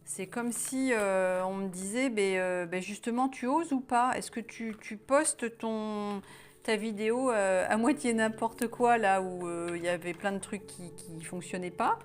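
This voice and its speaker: A woman's voice: mid-range voice, a little slow, faint music behind. A woman leading a guided wellness exercise in a casual, chatty way, often hesitating and restarting her sentences.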